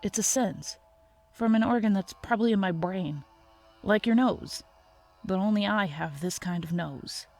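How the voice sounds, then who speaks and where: A woman voicing an uneasy, earnest teenage son in a scary story, with halting, gravelly speech. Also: mid-range voice, a little mellow, soft background music, close to an everyday voice.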